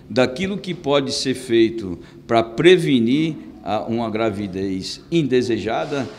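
A middle-aged man, a city councillor, giving an interview into a handheld microphone and speaking haltingly with repeated restarts. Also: mid-range voice, a little hiss or hum. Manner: hesitant, with fillers and restarts.

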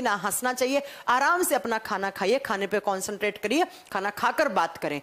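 Lively high-voiced woman teaching. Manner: explains step by step, asks and answers her own questions; addresses students as children. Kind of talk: live online class lecture.

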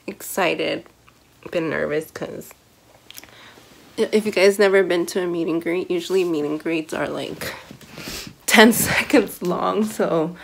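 A young woman talking straight to her handheld camera in a casual vlog, rambling in a nervous, excited way with lots of "like"s. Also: medium pitch. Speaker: vlogger.

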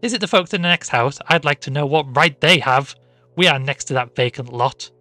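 A man voicing a peremptory, indignant middle-aged housewife in a storybook reading, sharp, commanding and scolding. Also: mid-range voice, fast talker, no echo, faint music behind, natural voice.

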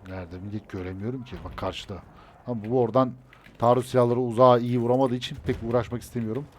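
Speaking fast at medium pitch with fairly even intonation, the streamer mutters to himself over gameplay and bursts into frustrated swearing. There's gunfire from the game and slight background noise.

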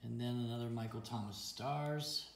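A man's voice: mid-range voice, normal speed, creaky. Chatty man opening card packs. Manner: chatty, laughs often, reads out card names. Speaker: card-opening channel host. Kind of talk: casual card unboxing chat. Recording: roomy echo with faint noise.

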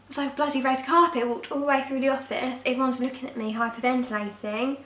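A young woman telling a personal story in a casual vlog, frank and expressive, swearing now and then. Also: sits high, fast. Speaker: vlogger. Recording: roomy, mic at a distance.

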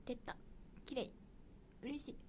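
A young woman with a Kansai accent hosting a casual livestream, chatting brightly and answering viewer comments, often dropping into soft, near-whispered asides. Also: slow pace, slight background noise. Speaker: idol livestream host.

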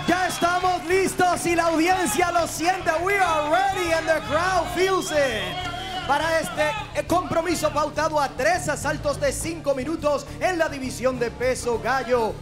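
Guy ring announcer yelling spanish and english intros lucha libre style, really high voice, music behind. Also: crowd noise. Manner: booming showman like a lucha libre announcer, drawn-out names. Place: fight cage in an indoor arena. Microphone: handheld microphone.

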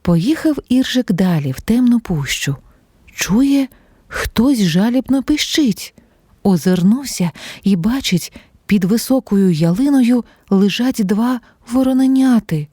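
Woman narrator for a children's fairy tale, calm, mellow voice, dry studio sound. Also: fairly high pitch, slow, breathy edge, no room sound.

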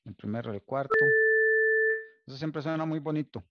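Male lecturer, gravelly voice, stop-start explaining, dry muffled recording. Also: medium pitch, normal speed, no echo. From Costa Rica. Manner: thinking aloud, many restarts and checks like "¿Ok?". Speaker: university lecturer.

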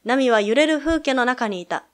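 A woman's voice: on the high side, expressive, normal speed. Woman reading a game aloud. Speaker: let's play streamer.

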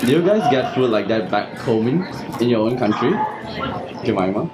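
A man filming the scene and asking friendly, relaxed questions from behind the camera. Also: medium pitch, moderate pace, very noisy. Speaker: filmmaker interviewer. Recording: music playing underneath.

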